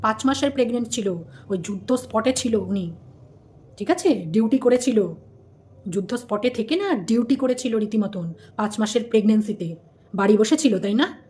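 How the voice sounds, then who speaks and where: This host, a woman from India, speaks at a moderate pace in a mellow voice on the high side. Her casual commentary vlog is full of scolding, repetition, and rhetorical asides aimed at viewers.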